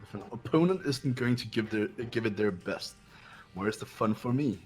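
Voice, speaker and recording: Voicing a haughty, cold young heir for an amateur game playthrough, a man speaks formally and looks down on others. His voice is lowish, expressive, and a little mellow, at normal speed and close to how he'd normally talk, with soft music underneath.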